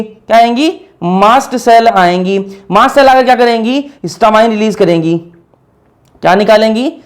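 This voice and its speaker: A young man teaching an exam-prep biology lecture, casual and chatty, asking questions and answering them himself. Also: high voice. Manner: call-and-response questioning, repeating answers.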